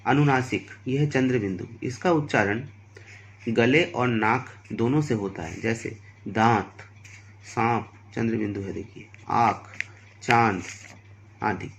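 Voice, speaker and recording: A man's voice: medium pitch, unhurried, gravelly, slight background noise. A man teaching a Hindi grammar lesson to primary school children, patiently spelling out letters and examples. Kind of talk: slow, deliberate classroom lesson.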